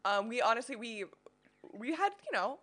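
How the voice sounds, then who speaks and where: A woman from Canada with a fairly high voice talks in a friendly, chatty way. She uses plenty of fillers as a podcast co-host and street interviewer. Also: sing-song, moderate pace, fairly bright tone, no room sound. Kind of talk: casual chat and interviewing.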